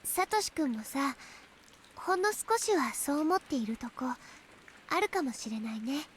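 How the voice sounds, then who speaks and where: High-pitched, sweetly eerie teenage girl. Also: sing-song, fairly quick, slight background noise. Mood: soft, knowing. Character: mysterious teenage girl, sweetly smiling yet unsettling. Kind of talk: Japanese visual novel voice acting.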